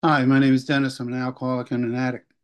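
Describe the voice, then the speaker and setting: A man sharing haltingly at an online recovery meeting, with many uhs, over a video call. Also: medium pitch, level tone, clean tone, lo-fi sound. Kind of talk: halting personal share.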